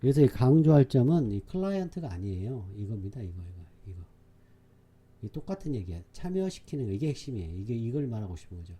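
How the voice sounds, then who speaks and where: A man's voice: medium pitch, very animated, fast talker, warm tone. A man teaching an English exam-prep lesson, repeating key words emphatically and often checking that students follow. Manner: repetitive, emphatic, keeps checking understanding with the class. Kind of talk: exam-prep lecture explaining a reading passage.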